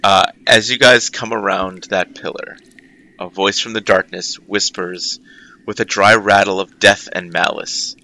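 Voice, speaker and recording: A man's voice: deep voice, steady tone, a little slow, pushed and bright, poor audio. A man running a tabletop game as game master, narrating scenes and directing the players.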